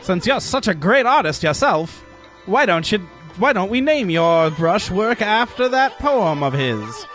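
A man's voice: high voice, sing-song, unhurried, fairly bright tone, soft background music, voice pushed up, heavily acted. A man voicing a cocky, tiny male wandering artist, reading game dialogue in a chatty, teasing way. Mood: admiring.

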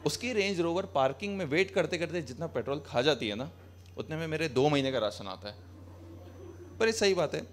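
Young man, stand-up comedian, sarcastic chatty delivery, slightly high voice, small cafe stage, handheld mic. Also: lively intonation, brisk, slight background noise. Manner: conversational, sarcastic, switching between Hindi and English. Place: small cafe stage with brick wall, live audience.

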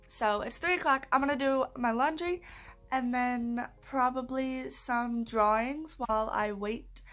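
A woman's voice: a little high, measured pace, a bit bright, faint music behind. A young woman in casual vlog chat, rambling and self-mocking as she talks to a phone held at arm's length in her bedroom. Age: young adult. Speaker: vlogger. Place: small bedroom at home, indoors.

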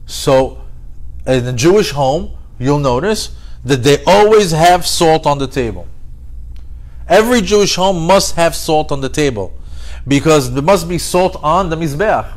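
With a slightly high, expressive voice and a measured pace, this man acts as a religious teacher delivering a conversational Torah lesson. He acts out dialogue, poses rhetorical questions, and repeats phrases for emphasis, as if telling a story.

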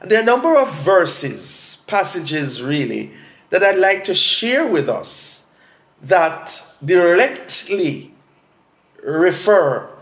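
男性牧师，语速缓慢，回声明显的教堂录音. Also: male voice, high-pitched, sing-song, a bit bright, roomy sound. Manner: deliberate, repeats key phrases for emphasis. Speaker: pastor teaching a Bible study. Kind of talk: church Bible study teaching.

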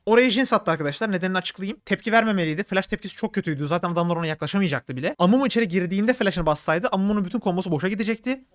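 A man streaming a video game, giving quick play-by-play and complaining about his teammates. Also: sits high, fairly bright tone, no echo, studio quality. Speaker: gaming streamer. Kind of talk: live gameplay commentary.

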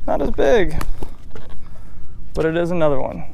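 A middle-aged fishing guide talks casually and patiently as he coaches young anglers, his voice sitting a touch high for a man. He speaks outdoors on an open boat, recorded by a mounted action camera. Faint wind and water noise run underneath. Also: big pitch swings, moderate pace, gravelly, a little mellow. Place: outdoors on a bass boat on a lake.

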